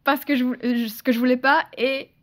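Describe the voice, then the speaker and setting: A woman's voice: high voice, fairly even intonation, fairly quick, a bit bright. A woman from Switzerland, a guest telling her story in a casual interview with lots of restarts and fillers.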